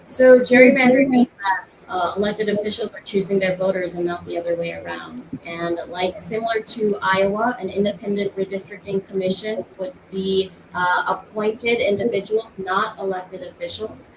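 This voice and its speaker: A woman on a video call, a candidate for governor, explaining slowly with many fillers while her connection breaks up and cuts out. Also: medium pitch, steady tone, reverberant, distant mic. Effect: bad connection, voice cutting out. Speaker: gubernatorial candidate guest. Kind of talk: interview over a video call. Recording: noisy, choppy video call audio.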